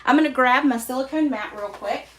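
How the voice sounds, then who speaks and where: A woman with a Southern accent hosting a live card-making class, chatty and relaxed, poking fun at herself. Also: high voice, brisk, slight background noise. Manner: chatty, relaxed, self-deprecating. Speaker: craft class host.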